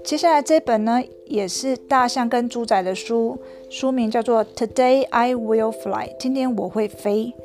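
A woman narrates a picture book aloud to a child in an animated, playful way, tossing in sound effects as she goes. Her voice sits somewhat high. Faint music plays softly behind her. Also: measured pace, few pauses. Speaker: storyteller.

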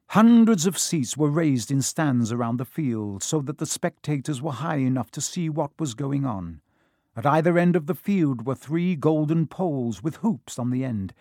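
A man reads a children's storybook aloud with a measured, expressive delivery at a mid pitch. The sound is close and dry, with no room around it. It has the steady pull of a classic audiobook narration. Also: no room sound.

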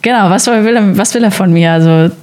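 A young woman from the Sauerland co-hosting a podcast, telling a story in casual chat with many fillers and quick laughs. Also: medium pitch, a little mellow. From Sauerland, Germany. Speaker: podcast co-host.

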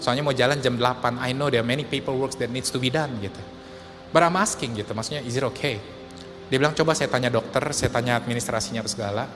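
A male pastor preaching a sermon, telling a personal story, often addressing the congregation and mixing in English phrases, swinging between loud and soft. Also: mid-range voice, steady tone, very fast, hardly any pauses. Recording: hall with long reverb and faint music.

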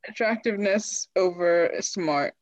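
A woman of twenty-two co-hosting a casual podcast chat, unhurried and laughing often. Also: on the low side, dry recording. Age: 20s. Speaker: podcast co-host. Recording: dull, dry home recording.

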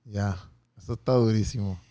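A man's voice: fairly low pitch, fairly even intonation, normal speed, warm tone. A man hosting an interview, with frequent short affirmations and follow-up comments. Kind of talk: casual interview chat.

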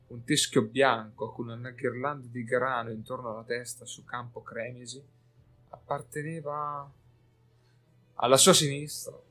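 A man's voice: medium pitch, bright, forceful tone. Man narrating a story steadily. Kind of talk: audiobook narration.

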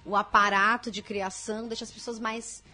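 Faint music sits behind a woman, a video creator from inland São Paulo state in Brazil, who chats as an interview guest. She laughs often and performs quoted lines, speaking at a moderate pace with a medium pitch, flat delivery and a sharp tone.

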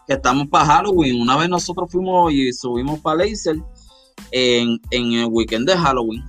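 Animated man telling stories. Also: medium pitch, normal speed, faint music behind. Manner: animated storyteller, acts out crowd voices. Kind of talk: casual storytelling chat.

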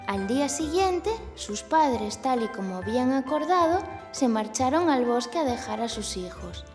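A woman's voice: high voice, animated, normal speed, long reverb tail. A woman speaking like a kids show host, narrating a scripted children's story to young listeners. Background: music.

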